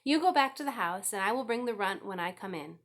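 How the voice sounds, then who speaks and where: A woman voicing a calm, kindly farmer father in a storybook, with a measured, gently firm, dry manner. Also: medium pitch, lightly acted.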